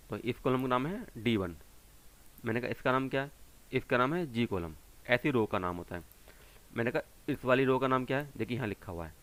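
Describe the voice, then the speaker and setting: A man's voice: mid-range voice, a bit bright, slight background noise. A man teaching a computer class to children, patiently walking through each step and answering his own questions as he goes. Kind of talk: screen-recorded tutorial explanation.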